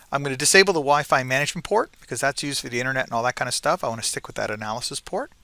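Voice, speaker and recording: With no room sound, a man presents an informal tech walkthrough in a bright, forceful, medium-pitched voice. His explanations stay conversational, and he often pauses to confirm with the listener, saying "right?".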